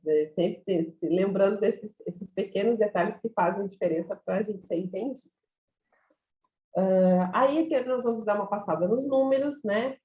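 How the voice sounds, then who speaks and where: A woman teaching a basic English class, slowly and patiently repeating each word to model its pronunciation. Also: medium pitch, dark tone. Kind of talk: recorded online English class. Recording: echoey room, slightly dull lo-fi sound.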